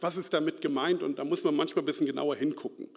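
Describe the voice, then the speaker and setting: A man's voice: a little high, fairly even intonation, fast, vocal fry. A man from Hesse, preaching an informal sermon in a chatty, self-deprecating way, full of fillers and "ne?" tag questions. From Central Hesse, Germany. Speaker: lay preacher. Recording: reverberant hall.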